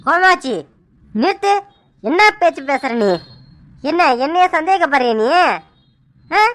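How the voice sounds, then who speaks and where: A woman voicing a defensive, quick-tempered village husband in a cartoon. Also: extremely high pitch, animated, fairly bright tone, no room sound, heavily acted. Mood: scolding. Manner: defensive, scolding. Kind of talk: cartoon voice acting.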